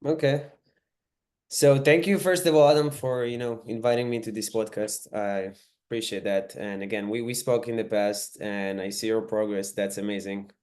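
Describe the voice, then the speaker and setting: Israeli-accented young man, low voice. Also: steady tone, moderate pace, a little mellow. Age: 20s. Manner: eager, non-native phrasing with fillers. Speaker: guest, real estate investor. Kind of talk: casual podcast interview. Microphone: video call.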